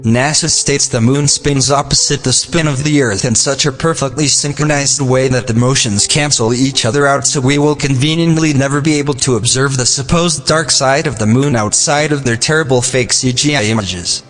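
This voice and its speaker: A synthetic male text-to-speech voice like an old speech synthesizer, reading a scripted narration in a flat, mechanical manner. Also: mid-range voice, moderate pace, few pauses. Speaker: video narrator. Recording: long reverb, music behind. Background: music.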